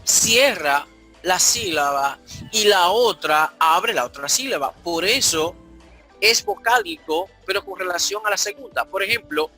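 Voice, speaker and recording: Man, high bright voice, slow and explanatory, faint music underneath. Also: lively intonation. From Dominican Republic. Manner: slow, explanatory, repeats key points. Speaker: Hebrew teacher. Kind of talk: online grammar lesson.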